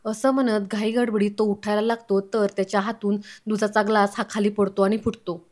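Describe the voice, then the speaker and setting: A woman narrating a recap of a television serial episode in a steady storytelling manner. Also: medium pitch, a little fast.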